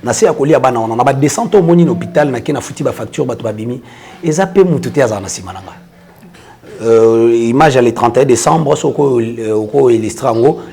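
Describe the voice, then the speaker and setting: A man's voice: medium pitch, fast talker, creaky, mellow. A man, a church prophet explaining his work in an earnest casual interview. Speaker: church prophet and orphanage founder.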